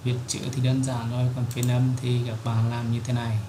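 Flat-voiced man explaining a software tutorial. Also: medium pitch, a little fast. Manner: step-by-step explaining, frequent "there" fillers. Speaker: tutorial host. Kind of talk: screen-recorded software tutorial. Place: at a computer, recording his screen. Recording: echoey room with clear keyboard typing noise.

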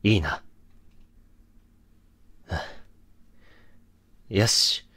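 A man's voice: a little slow, pushed and bright. Man acting a remorseful young boyfriend, intimate pillow talk. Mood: tender, soothing. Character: remorseful young boyfriend, brusque but tender and protective.

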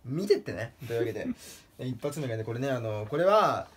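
A man casually presenting joke pictures, laughing at his own gags and jumping into a strained high voice for punchlines. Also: brisk, breathy edge. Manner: laughs at his own jokes, lively pitch swings. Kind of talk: casual comedic talk with laughter.

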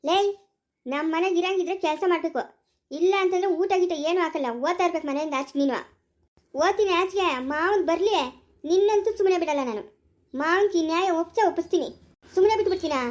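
This family skit actor voices a squeaky, rapid village wife, a sharp-tongued and quarrelsome woman. Her mood is complaining, and she delivers her lines by scolding and bickering in the village family sketch.

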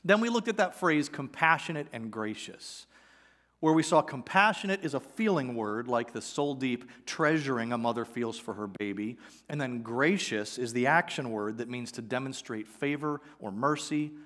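A man in his forties, a pastor giving a conversational, animated sermon on a church stage with a headset mic. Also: mid-range voice, moderate pace. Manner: conversational, animated preaching with gestures. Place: church sanctuary stage, indoors.

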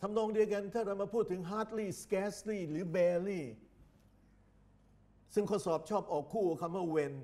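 A man delivers an exam-prep grammar lesson. His voice sits a little high, and his pace is unhurried. He lays out each English example sentence deliberately, word by word. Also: warm tone.

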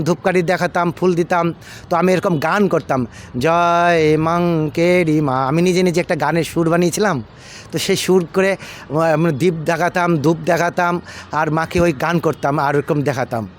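A man from India, a monk, tells his story in a relaxed, rambling way, circling back over the same points and pausing on fillers. His voice sits a little high for a man. A faint hum of noise and passing vehicles runs underneath. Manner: unhurried, repetitive, with many fillers and restarts. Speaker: ISKCON monk recounting his past. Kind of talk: casual storytelling talk.

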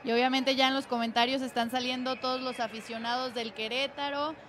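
A woman's voice: sits high, flat delivery, fairly quick, a bit bright, slight background noise. A woman chatting casually as a football co-commentator. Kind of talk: casual broadcast chat.

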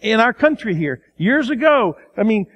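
A man with a Midwestern American accent preaching a sermon as pastor, acting out quoted voices and swinging between loud, raised lines and quiet, low ones. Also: big pitch swings, moderate pace. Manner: acts out the crowd and Pilate in quotes, sometimes shouting; drops to a quiet, low voice for emphasis.

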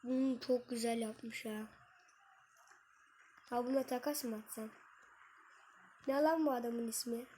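High-voiced woman muttering over a game. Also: steady tone, a little slow, long pauses, background noise. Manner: mutters and swears at the game, banters with viewers. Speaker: gaming streamer. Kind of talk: casual gameplay commentary.

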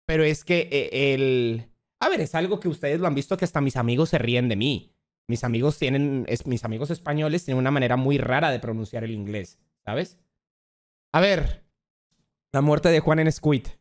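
A man's voice: medium pitch, normal speed. A young man, a streamer reacting to clips in casual commentary, blunt and mocking. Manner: animated, blunt, swears and mocks playfully.

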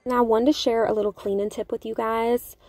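A woman's voice: on the high side, flat delivery, a little fast, no room sound. A woman vlogger chatting casually to her viewers in a voice-over, upbeat and friendly. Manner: chatty, upbeat, addresses viewers as you guys. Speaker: home vlogger. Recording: voice-over with soft background music.

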